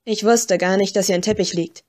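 A woman's voice: mid-range voice, fairly even intonation, brisk, darkish tone, close to an everyday voice. Woman reading as a grumpy weary inspector. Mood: gruff. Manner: grumpy, stiff, sighing. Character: gruff weary middle-aged male police inspector. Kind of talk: audiobook reading.

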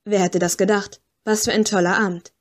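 A woman reading an audiobook, voicing a suave, menacing gentleman swordsman in a low, soft, mocking tone. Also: fairly even intonation, fairly quick, close to an everyday voice. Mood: smug. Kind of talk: audiobook character voice.

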